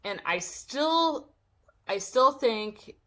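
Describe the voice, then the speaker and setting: A young woman vlogger telling a storytime, animated and swearing as she acts out what people said. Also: sits high, extremely slow. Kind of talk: storytime vlog.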